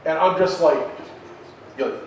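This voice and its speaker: A man's voice: medium pitch, animated, measured pace. A man in his forties, a comedian ranting about what annoys him, rambling and swearing constantly with lots of fillers. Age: 40s. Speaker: open mic comedian guest. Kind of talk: profane comic rant. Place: record store. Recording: very echoey room, mic far off, faint noise.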